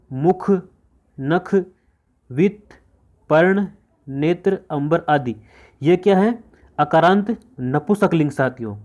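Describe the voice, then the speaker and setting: A man's voice: a little high, darkish tone. A man teaching an exam-prep grammar lesson, repeating each point and answering his own questions.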